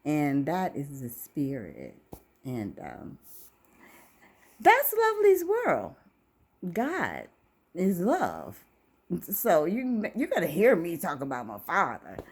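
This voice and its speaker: A woman's voice: low voice, wildly swooping pitch, slow pace, pauses often, breathy edge. A woman in her fifties who hosts her own channel and talks in a casual, rambling, faith-centered monologue to camera. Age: 50s. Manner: talkative, wandering, faith-centered, musing. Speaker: vlogger, channel host.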